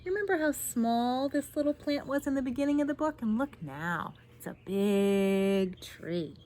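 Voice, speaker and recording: Reading a children's picture book in a garden, a woman in her thirties acts like a teacher, emphasizing important words and adding comments on the pictures for little ones. Her voice is high, animated, and slightly mellow, and she moves briskly.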